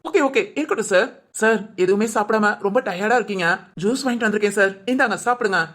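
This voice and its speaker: A woman's voice: medium pitch, quick pace, fairly bright tone, lightly acted. A woman voicing a timid, nervous young man who stammers and pleads in a cartoon. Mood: polite. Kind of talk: cartoon voice acting.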